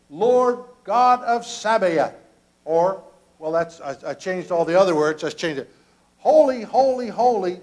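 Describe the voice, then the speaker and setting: Older male pastor, children's sermon, slow and halting delivery, fairly high voice, church sanctuary. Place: church sanctuary, children seated around him.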